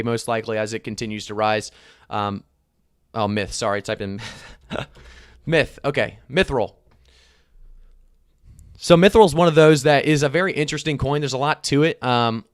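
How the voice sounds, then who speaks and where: A man's voice: mid-range voice, clean tone, no room sound. Man, live stream host, casual chatty commentary, resonant voice, dry sound. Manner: chatty, many fillers, reads numbers off screen.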